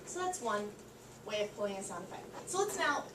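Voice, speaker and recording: A woman's voice: mid-range voice, sing-song, a little fast. A woman college instructor teaching a class in an upbeat, encouraging way. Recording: echoey classroom, mic far off, noisy.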